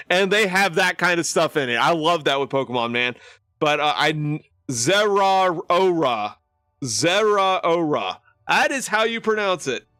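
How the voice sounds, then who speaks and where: Bright-voiced rambling male streamer. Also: sits high, no room sound. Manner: rambling and warm-hearted, lots of fillers and restarts. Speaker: live streamer. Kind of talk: casual chat with viewers.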